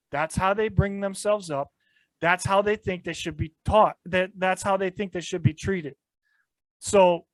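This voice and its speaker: A man's voice: sits high, a bit bright, no room sound. A man co-hosting a sports talk show, delivering a heated, emphatic rant full of rhetorical questions.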